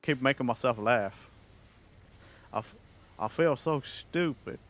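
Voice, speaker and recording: A man from the United Kingdom with a mid-range voice puts on an American Southern cowboy drawl while livestreaming to his chat. Speaking slowly, he rambles playfully and self-consciously in the fake accent, swearing plenty along the way.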